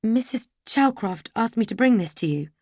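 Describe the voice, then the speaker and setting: A woman's voice: on the high side, expressive, normal speed, darkish tone, no room sound, pitched above the performer's own voice. A woman voicing a proud, defiant young lady with a tense, pleading edge for an audiobook. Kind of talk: audiobook character voice.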